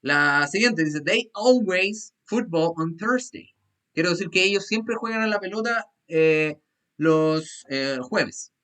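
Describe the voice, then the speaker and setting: A man's voice: high voice, animated, takes it slowly, bright, forceful tone, clear, resonant tone. A male English teacher, explaining grammar rules step by step and often checking in with "¿ya?". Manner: checks in with "¿ya?" after each point. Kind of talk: online class explanation in Spanish.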